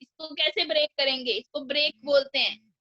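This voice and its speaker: A woman teaching an online English class to young children, with an Indian accent, slowly breaking words into their syllables. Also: high voice, steady tone, pushed and bright. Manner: slow, breaks words into sounds. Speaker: primary school English teacher. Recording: dull lo-fi online class audio.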